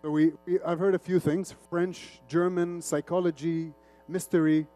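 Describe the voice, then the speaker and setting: His voice is a little high and warm, delivered flatly at a normal pace with faint music in the background. A middle-aged Arabic-speaking man from Lebanon, raised in Saudi Arabia, he works as a media executive and gives a casual, interactive conference talk that shifts between Arabic and English.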